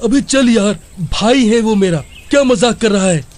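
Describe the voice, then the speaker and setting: A man's voice: sits high, animated, measured pace, a little mellow. A man voicing a jittery young village man in a cartoon story, panicky and slangy.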